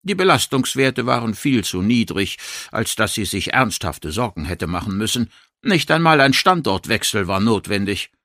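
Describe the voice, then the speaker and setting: A man reading science-fiction narration for an audiobook in a lively, expressive way. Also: on the low side, normal speed, no echo, studio quality.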